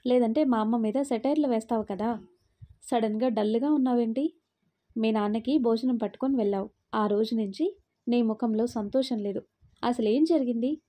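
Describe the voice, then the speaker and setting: A woman voicing a gentle, caring young husband in a spoken story. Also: a little high, moderate pace, pauses often, lightly acted. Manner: gentle, coaxing.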